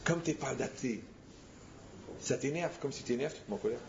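A man, a rabbi, giving a lively spoken teaching, telling stories and acting out the dialogues in a direct, teasing way. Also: mid-range voice, a little fast, noisy background. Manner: animated storyteller, acts out dialogues, direct and teasing. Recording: echoey muffled room recording.

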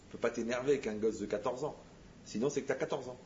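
A man, a rabbi, giving a lively spoken teaching, telling stories and acting out the dialogues in a direct, teasing way. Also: medium pitch, fast talker, a little hiss or hum. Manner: animated storyteller, acts out dialogues, direct and teasing. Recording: echoey muffled room recording.

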